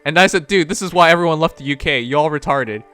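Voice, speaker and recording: Faint music sits behind this Canadian livestream host, who has a slightly high, smooth, fairly bright voice and a quick pace. A non-native English speaker with a slight Chinese accent, he reads chat aloud in a rambling, blunt, and profane manner.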